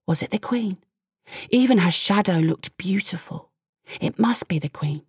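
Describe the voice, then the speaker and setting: A woman telling a fairy tale, her voice mid-pitched and expressive, with playful little asides. The sound is dry and close. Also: normal speed, breathy edge, dry recording. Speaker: storyteller. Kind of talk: storytelling narration.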